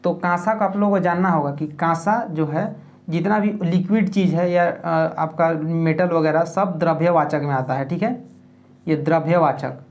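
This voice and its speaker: A man with a Jharkhand accent teaching an exam-prep language lesson, explaining patiently and slowly sounding out letters as examples. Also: on the high side, lo-fi sound. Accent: Jharkhand Hindi. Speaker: exam tutor.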